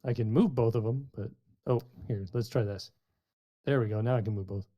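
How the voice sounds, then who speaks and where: A man's voice: mid-range voice, a little fast, mellow. A man playing a tabletop role-playing game, chatting casually and improvising in character.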